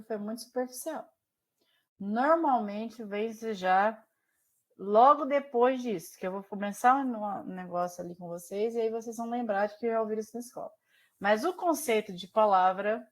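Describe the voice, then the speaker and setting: A woman with a Brazilian accent teaches a Portuguese class over a video call, speaking on the high side and explaining slowly. In this online lecture, she often checks in with her students.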